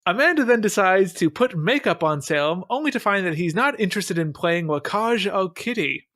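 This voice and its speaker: This podcast host's high voice is animated and a bit bright, moving at a moderate pace in a dry recording. Speaking close to the mic, he runs through an episode recap and casual chat, his tone wry and sarcastic.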